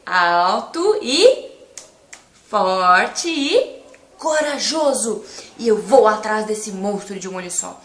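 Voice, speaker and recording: Brave young prince, played by a woman, earnest and boastful, lively pitch, echoey room. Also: takes it slowly. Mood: confident.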